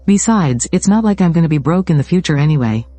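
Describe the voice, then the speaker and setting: A man's voice: fairly high pitch, expressive, quick pace, warm tone, dry recording, faint music behind, natural voice. A man voicing a modest, self-assured young male mystic healer in his own everyday voice. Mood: calm.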